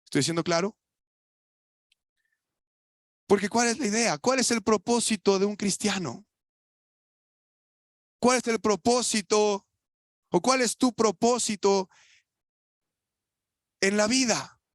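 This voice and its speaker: A young man preaching with a Mexican Spanish accent, his voice pitched high for a man. He talks to the congregation in a casual, colloquial way, firing off rhetorical questions and dropping from loud emphatic lines into quiet asides. The sound is dry and close. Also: takes it slowly, long pauses, no room sound. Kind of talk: sermon. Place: church.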